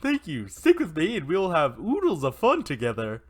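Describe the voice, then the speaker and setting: Man doing a childlike cartoon pig robot with a blocked nose, chirpy and eager, lively pitch. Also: moderate pace. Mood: chipper. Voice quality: stuffy nose, like a young kid.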